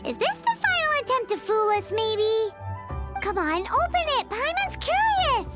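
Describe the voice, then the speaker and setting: A woman's voice: very animated, measured pace, exaggerated voice. A woman voicing a small, curious fairy companion who speaks of herself in the third person, in a video game dub. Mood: excited. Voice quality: squeaky childlike high voice. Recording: game audio with loud music behind.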